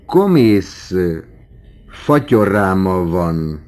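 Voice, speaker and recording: A man's voice: low voice, big pitch swings, a little mellow. A man reading an audiobook, voicing a sly, sardonic forty-year-old man who drawls his mocking remarks theatrically. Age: 40s.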